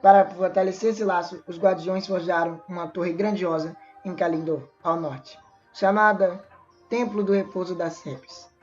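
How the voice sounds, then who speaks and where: A woman's voice: on the low side, steady tone, normal speed, darkish tone. A woman narrates a fantasy story, reading along with small slips and restarts. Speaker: lore narrator. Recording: dull lo-fi voice with faint music.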